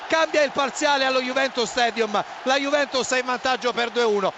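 Telecronista uomo concitato e senza fiato, voce altissima. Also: male voice, high voice, muffled recording. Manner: breathless, shouted, drawn-out goal calls. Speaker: football commentator. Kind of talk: Italian live goal commentary. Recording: noisy stadium feed with loud crowd. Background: stadium crowd noise.

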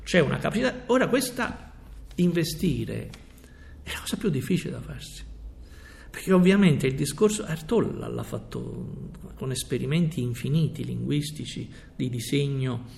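A man's voice: medium pitch, vocal fry, darkish tone. A man commenting on theatre, explaining his ideas in an earnest, lecturing way for a radio documentary.

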